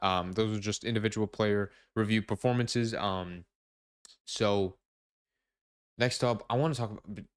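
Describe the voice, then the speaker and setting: A young man talks over a soccer game as an excited fan, starting sentences again and dropping in fillers as he goes. His voice sits a little low and sounds smooth and resonant. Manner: rambling with many fillers and restarts; enthusiastic fan talk. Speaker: podcast host. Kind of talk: casual post-match soccer commentary.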